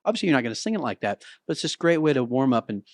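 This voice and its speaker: A man's voice: mid-range voice, very animated, very fast, no room sound, studio quality. A middle-aged man giving a casual, conversational singing lesson, sometimes breaking into short sung demonstrations. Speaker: vocal coach. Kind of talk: talking-to-camera singing lesson. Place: Nashville.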